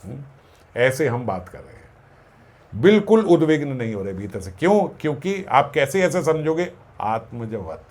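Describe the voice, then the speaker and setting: A man giving a devotional discourse, explaining scripture verses, asking his own questions and answering them, and slowing down to chant Sanskrit lines. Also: mid-range voice, very animated, darkish tone. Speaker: spiritual discourse speaker.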